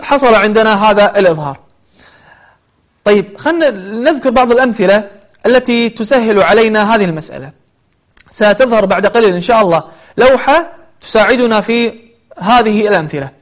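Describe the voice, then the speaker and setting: A man teaching the rules of Quran recitation. He explains each rule and then recites examples slowly, repeating them. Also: high-pitched. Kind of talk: tajweed lesson.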